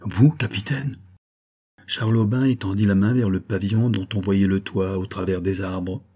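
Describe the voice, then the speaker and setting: Male audiobook narrator, low and husky, steady measured delivery. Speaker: audiobook reader.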